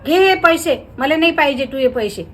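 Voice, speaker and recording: A woman's voice: sits high, animated, moderate pace, fairly bright tone. A woman in a village comedy sketch, talking back in an indignant, argumentative way.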